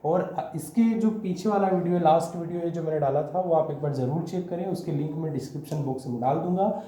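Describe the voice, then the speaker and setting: A man's voice: fairly high pitch, fairly quick, mellow. A man teaching grammar to students, patiently quizzing them and checking in with "okay?" after each step. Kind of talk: explaining English grammar to students. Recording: echoey room, dull lo-fi sound.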